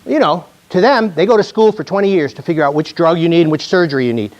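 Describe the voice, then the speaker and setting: A man's voice: a little high, fast, dull audio. A man in his sixties, a chiropractor giving a joking, chatty talk to a live audience, often restarting his sentences. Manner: chatty, self-mocking, with many restarts.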